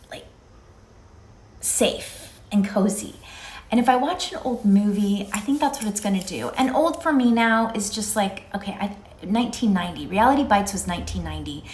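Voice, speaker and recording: A woman's voice: medium pitch, darkish tone, slight background noise. A woman in her fifties chatting in a casual, rambling, reflective way, recorded in an echoing indoor stairwell. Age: 50s. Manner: rambling, musing, conversational. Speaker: vlogger. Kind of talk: casual, reflective solo vlog chat.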